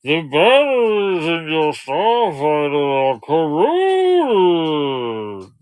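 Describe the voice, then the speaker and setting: A man voicing a small droid character with a slow, drawn-out, menacing villain impression. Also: on the high side, huge pitch swings, darkish tone, clear, resonant tone, exaggerated voice. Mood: theatrical. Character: small male droid speaking in a menacing masked-villain growl.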